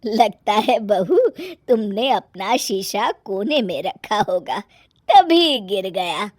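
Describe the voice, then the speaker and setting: A calm older mother-in-law in a cartoon story, voiced by a woman. She speaks lower and slower than the rest of the household, measured and gently stern. Dry, close recording. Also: no echo. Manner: slow, measured.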